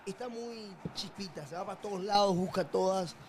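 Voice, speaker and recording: A man's voice: high-pitched, moderate pace, a little mellow. A man chatting casually as a partisan football fan and co-host on a live stream.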